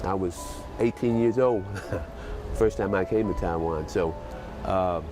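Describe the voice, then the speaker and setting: An older retired man being interviewed outdoors, talking in a reflective, halting way with restarts. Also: sits low, music in the background. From United States. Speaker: retired volunteer English teacher. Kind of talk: documentary interview.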